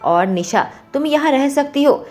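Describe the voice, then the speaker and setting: A woman reading as a calm, kindly father. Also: sits high, unhurried, faint music behind, pitched above the performer's own voice. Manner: calm, reassuring.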